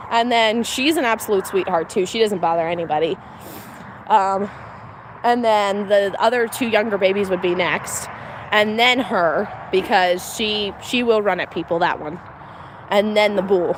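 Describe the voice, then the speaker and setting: Outdoors with her cows, a woman from Pennsylvania, USA livestreams her chores, offering chatty, candid commentary punctuated by frequent laughter. Her voice is mid-range, her accent a slight Pennsylvania blend of American speech, and faint outdoor sounds can be heard.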